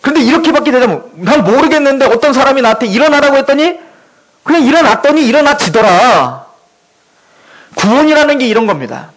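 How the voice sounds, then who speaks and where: Man preaching in church, very high voice, animated pitch, emphatic rhetorical questions. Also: brisk, rough recording. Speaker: pastor. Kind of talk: sermon.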